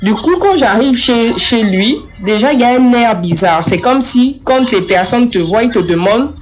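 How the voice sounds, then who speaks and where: A young woman giving a first-person spoken testimony, telling her story in a lively way and speaking straight to the listener. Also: fairly high pitch, moderate pace, rough recording.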